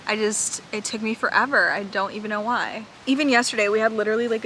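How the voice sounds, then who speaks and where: A woman's voice: mid-range voice, sharp tone, a little hiss or hum, poor audio. A young woman chatting casually in a book vlog from a beach, rambling with lots of "like" fillers. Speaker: book vlogger. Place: outdoors at a beach.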